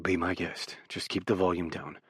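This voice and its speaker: A man reading an audiobook, voicing a bossy, grumpy male athlete with a low, growling, clipped and sarcastic delivery. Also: a little slow, a bit bright, slightly rough, no echo, clean studio sound, heavily acted.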